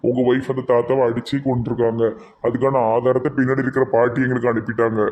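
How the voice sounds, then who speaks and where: A man's voice: mid-range voice, little pitch movement, quick pace, darkish tone, highs cut off, natural voice. A man playing a brusque village policeman with a Kanyakumari accent. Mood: stern. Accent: Kanyakumari Tamil. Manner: brusque, commanding. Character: stern village policeman questioning the family.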